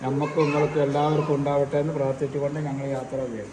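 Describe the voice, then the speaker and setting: A man, a father speaking calmly with pious phrases before a family trip. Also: on the high side, racing, a crowd in the background. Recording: echoey, noisy home recording.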